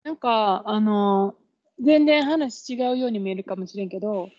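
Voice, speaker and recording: A woman's voice: mid-range voice, normal speed, no room sound. A woman with a Kansai accent co-hosting a casual podcast chat, explaining with examples and laughing often. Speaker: podcast co-host. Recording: dull lo-fi podcast audio.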